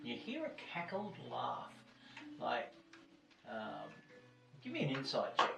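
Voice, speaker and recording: A man's voice: mid-range voice, huge pitch swings, slow pace, creaky, loud music behind the voice. A man casually running a tabletop game as game master, narrating and chatting with players. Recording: echoey room, distant mic.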